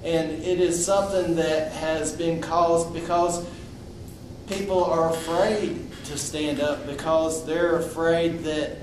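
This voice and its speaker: An invited speaker at a public meeting, a loud, outspoken man, gives an impromptu address with frequent restarts. His voice is a little high, steady in tone and slow, captured by a distant mic in an echoey, noisy meeting room.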